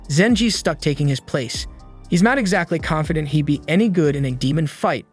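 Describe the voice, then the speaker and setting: A man reading a scripted story recap in a casual, slangy storytelling manner. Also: a little high. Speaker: recap narrator. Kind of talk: scripted narration.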